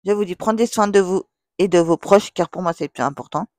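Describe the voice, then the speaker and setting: A woman's voice: lowish voice, brisk, darkish tone, no echo, clean studio sound. A middle-aged woman talking straight to her subscribers in a casual vlog. She is blunt and chatty, and she keeps saying "voilà". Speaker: vlogger. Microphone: plugged-in microphone that makes her sound loud.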